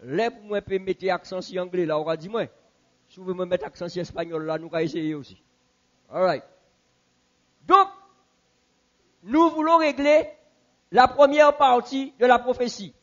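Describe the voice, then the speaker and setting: A man teaching a Bible class in a church, asking the audience questions and repeating answers slowly. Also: high voice, a bit bright, muffled recording.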